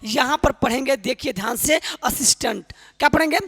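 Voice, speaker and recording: A woman teaches an online spoken English class, explaining pronunciation rules and quizzing her listeners again and again with warm, encouraging teacher talk. Her voice is high, husky, and a bit bright, and she speaks a little fast. A long hall reverb colors the recording.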